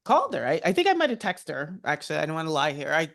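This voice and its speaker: A woman with a somewhat low voice tells personal stories as a guest speaker. Her delivery is animated and heartfelt, full of small restarts and asides, with the easy flow of someone used to speaking to groups. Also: very fast, vocal fry. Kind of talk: personal storytelling in a career talk.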